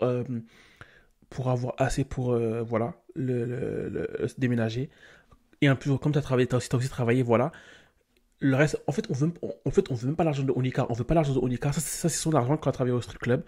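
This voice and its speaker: Young man, gaming commentary, mellow voice, animated, slangy. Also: medium pitch, fast. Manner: animated, scolding his game characters with slang. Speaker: gaming YouTuber. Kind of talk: casual game commentary.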